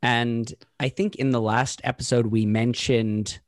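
A man in a relaxed podcast conversation, thinking out loud about ideas and often pausing to restart his sentences. His voice sits at an ordinary middle pitch. The recording is close and dry, with no room sound. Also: no room sound. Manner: thoughtful, halting, many restarts and fillers. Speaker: podcast co-host. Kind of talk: casual conversational discussion.

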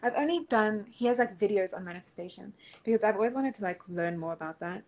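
A young woman, co-hosting a relaxed podcast chat, upbeat and quick to laugh, full of "like". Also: mid-range voice, lo-fi sound. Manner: giggly, upbeat, filler-heavy. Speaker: podcast co-host. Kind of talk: casual chat.

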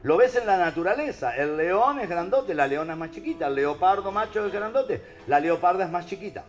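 A man with a Rioplatense Spanish accent preaches animatedly, firing rhetorical questions at his listeners. His slightly high voice leaps up and down for emphasis, he speaks fairly quickly, and soft music plays faintly beneath him.

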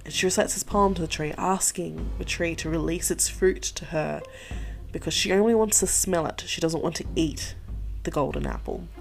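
A woman's voice: on the low side, normal speed, vocal fry, soft background music. A woman podcast host retelling a folktale in a chatty, profane way, full of "like" and side remarks. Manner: profane, chatty, many likes and asides. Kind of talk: casual storytelling.

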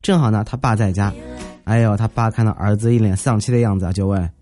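A man's voice: fairly low pitch, fast talker, warm tone, soft background music. A man hosting a podcast, telling funny everyday stories in a chatty, jokey way and acting out the quotes. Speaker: podcast host. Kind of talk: comic storytelling podcast.

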